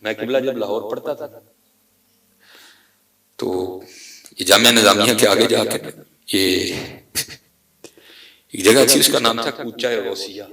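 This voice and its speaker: A man's voice: lowish voice, gravelly, long pauses, far from the mic. Impassioned male preacher, echoey hall. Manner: impassioned, swinging from loud to hushed. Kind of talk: sermon.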